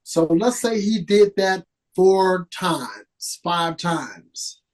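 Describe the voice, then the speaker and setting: A middle-aged man, an actor, telling stories in an animated, casual way as a podcast guest. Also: high voice, very slow, poor audio. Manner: animated, lively storyteller with restarts. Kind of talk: casual interview storytelling.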